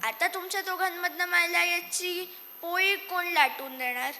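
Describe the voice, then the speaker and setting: A woman's voice: very high voice, fairly even intonation, a little slow, sharp tone, a little hiss or hum, heavily acted. A woman voicing a hardworking male rooster who speaks firmly and asks pointed questions. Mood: asking. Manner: firm, questioning, matter-of-fact. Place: stage in a hall. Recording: echoey hall.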